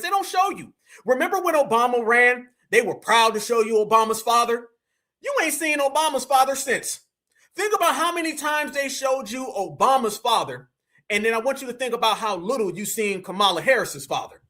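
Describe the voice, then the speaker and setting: An American man hosts a live opinion stream in an extremely high, bright, forceful voice, speaking briskly with lively intonation. Colloquial and emphatic, he repeats himself, poses rhetorical questions, and addresses his listeners as family.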